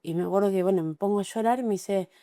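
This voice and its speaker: A middle-aged Argentine woman giving an emotional, halting personal account as an interview guest, with frequent restarts. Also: medium pitch, warm tone, no echo, studio quality. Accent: Argentine Spanish. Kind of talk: personal testimony in conversation.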